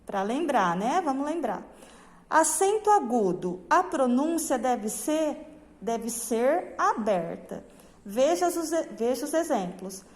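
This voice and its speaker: A woman teacher explaining a lesson to young pupils, speaking through a face mask in slow, drawn-out phrases and checking in with the class often. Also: high-pitched, very animated, darkish tone, in a large hall, low-quality recording. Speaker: primary school teacher. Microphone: phone camera.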